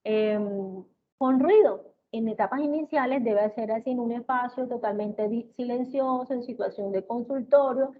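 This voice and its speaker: A woman giving an explanatory lecture on therapy methods, often checking in with her listeners and filling pauses with hesitation sounds. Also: a little high. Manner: checks in with listeners with "¿ok?" and "¿sí?", many "eh" fillers. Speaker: lecturer in auditory-verbal therapy. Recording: tinny, phone-like with faint hiss.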